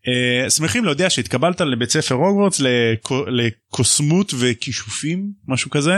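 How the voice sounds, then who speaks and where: A man hosting a podcast, casually retelling a book chapter in a jokey, animated way and acting out the voices. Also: medium pitch, dry recording, studio quality. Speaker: podcast host.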